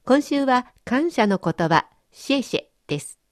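A woman hosting a friendly scripted language lesson, encouraging learners and stretching key words slowly. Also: fairly high pitch, sing-song, no room sound, clean studio sound.

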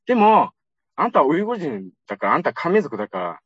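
Man from Xinjiang lecturing casually with lots of fillers; husky voice with wide swings in pitch, dull lo-fi sound. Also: racing, no room sound. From Xinjiang, China. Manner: lively, conversational, with frequent fillers. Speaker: guest lecturer. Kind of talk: public lecture. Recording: dull lo-fi recording, dry.

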